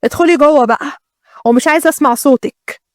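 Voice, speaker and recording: A woman's voice: high-pitched, fast, no echo, studio quality, close to an everyday voice. A woman with an Egyptian accent voicing a jealous, domineering first wife who threatens and commands. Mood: menacing. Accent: Egyptian Arabic.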